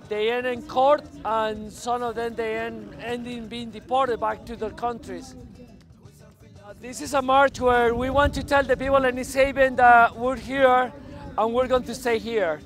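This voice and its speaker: Man from Colombia, very high voice, earnest, halting, outdoors at a march, faint music behind. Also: fairly bright tone. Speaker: activist at a rally. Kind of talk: street interview.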